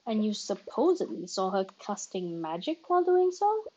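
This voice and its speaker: A woman voicing a young male defense lawyer in a babyish, drawn-out voice, over game music. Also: mid-range voice, sing-song, a little mellow, muffled recording, slight background noise, lightly acted. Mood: babyish, accusing.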